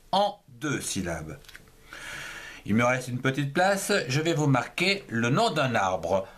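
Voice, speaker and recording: Slow, lively French man spelling letters. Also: mid-range voice. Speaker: handwriting teacher. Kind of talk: slow spelling-out handwriting lesson.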